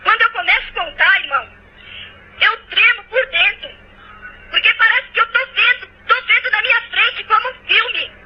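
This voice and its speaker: A woman's voice: very high-pitched, moderate pace. A woman with a Brazilian Portuguese accent gives a fervent church testimony, at times tearful, repeating her phrases and calling out to the brothers. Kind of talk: emotional testimony sermon. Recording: dull lo-fi recording.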